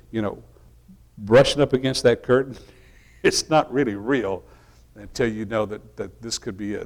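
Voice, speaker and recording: Male minister, middle-aged, lower register; easygoing storytelling sermon with loose restarts. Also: creaky. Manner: relaxed, folksy storytelling with frequent restarts.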